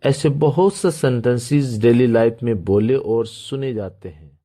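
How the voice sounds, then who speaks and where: A man teaching spoken English, speaking deliberately and repeating each example sentence. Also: medium pitch, dark tone.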